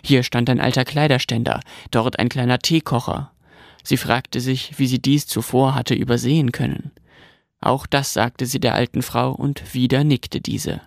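Narrator reading a storybook, calm and even, gravelly, dry close sound. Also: male voice, mid-range voice, normal speed, dry recording.

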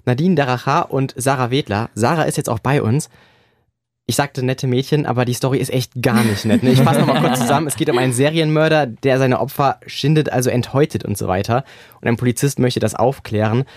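A man's voice: medium pitch, fairly quick, dry recording, studio quality. A man hosting a radio interview, chatty and joking in casual talk. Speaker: radio host.

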